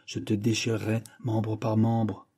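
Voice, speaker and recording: Man reading fiery young greek hero, vehement, dark voice, husky. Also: medium pitch, fairly even intonation, unhurried. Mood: furious. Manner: urgent, vehement.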